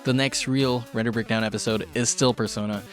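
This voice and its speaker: Speaking fairly quickly with fairly even intonation, a medium-pitched male host guides viewers through an easygoing art tutorial. He keeps it informal and self-mocking, and music sits under his voice throughout.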